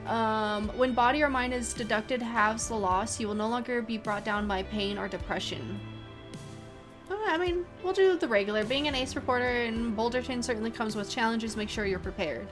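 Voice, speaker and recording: A woman's voice: a little high, moderate pace, over music. Woman streamer reading game text aloud. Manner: casual, reads aloud with fillers.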